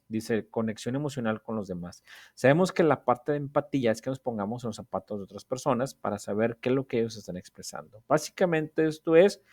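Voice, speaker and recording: A man's voice: medium pitch, a little mellow, no echo, clean studio sound. A man giving a lecture. He reads passages from his notes aloud, explains them in his own words, restarts phrases often and keeps checking that the class follows. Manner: frequent restarts and tag questions checking understanding. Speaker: teacher.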